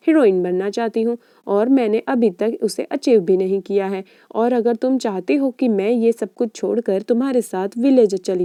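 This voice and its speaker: A woman's voice: fairly high pitch, mellow, no room sound, studio quality, close to an everyday voice. A woman reading as a guarded, ambitious young woman. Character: ambitious young woman, hiding her hurt.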